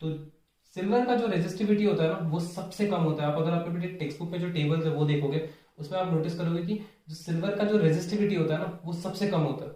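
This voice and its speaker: A male physics teacher with a fairly high voice works through problems step by step and keeps checking that his students follow. He sounds a little off-mic, and the room around him rings with heavy echo. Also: fast talker, dark tone. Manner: explains step by step, checks in with "ठीक है" and "है ना". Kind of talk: whiteboard lesson, Hindi mixed with English. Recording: very echoey room, mic at a distance.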